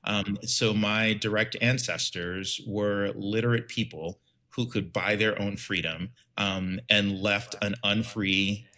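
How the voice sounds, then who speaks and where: A man in his forties from Liberia, an educator telling his story in an earnest, reflective way, pausing with frequent ums. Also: on the low side, steady tone, bright, forceful tone. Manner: thoughtful, many ums, earnest. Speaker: educator and author, podcast guest.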